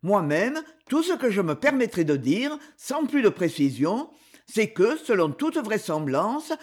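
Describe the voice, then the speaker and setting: A man's voice: sits high, exaggerated voice. A man reading as a pompous, condescending professor. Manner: lofty, condescending. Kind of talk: audiobook character reading.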